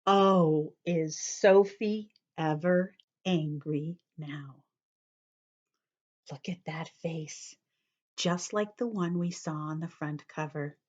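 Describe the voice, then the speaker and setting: A children's storyteller reads a picture book aloud to young kids in a low, slow voice, explaining words along the way. She sometimes drops to a whisper. The recording is lo-fi.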